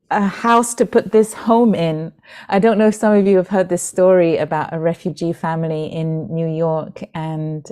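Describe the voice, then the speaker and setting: British nun in her 40s, soft mellow voice, talks slow and thoughtful over a video call. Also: low-pitched. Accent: British, with an international lilt. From Britain. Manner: gentle, reflective, with soft fillers and restarts. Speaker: Buddhist nun and Dharma teacher. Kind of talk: heartfelt talk to an online community.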